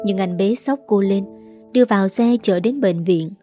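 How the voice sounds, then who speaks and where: A woman's voice: mid-range voice, normal speed, mellow, faint music behind. A woman reading a serialized drama story aloud, voicing every character in her own voice. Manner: reads every character herself with small voice shifts.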